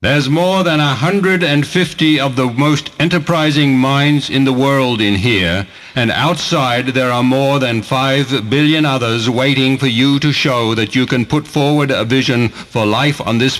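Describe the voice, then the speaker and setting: A man's voice: medium pitch, measured pace, few pauses, a bit bright, natural voice, rough recording. A man playing President Kennedy as an impassioned, solemn orator in a dramatized audio story, with ringing, emphatic delivery. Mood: rousing, earnest.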